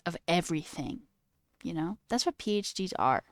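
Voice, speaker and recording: A woman livestreams and chats casually with her live chat, her voice low-ish and expressive at a moderate pace. She rambles through tangent-filled stories, swears casually and says "like" a lot. She uses corded headphones, and the studio-clean sound has no echo.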